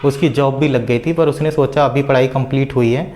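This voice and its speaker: A man casually retelling a story out loud, with a rambling flow full of filler words and small hesitations. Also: mid-range voice, fairly even intonation, a little fast.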